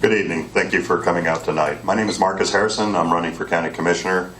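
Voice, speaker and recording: Really deep monotone guy in his 40s doing a campaign speech, mic kinda far off, a bit of hiss. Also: racing. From Clearwater, Florida. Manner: earnest, with frequent fillers. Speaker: political candidate. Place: meeting room. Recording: distant mic with faint background noise.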